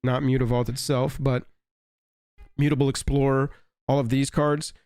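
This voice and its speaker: Raspy-voiced sick man, wry live-stream host. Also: mid-range voice, level tone, normal speed, a little mellow, no room sound. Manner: rambling, wry and offhand. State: sick, hoarse. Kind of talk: casual live-stream chat.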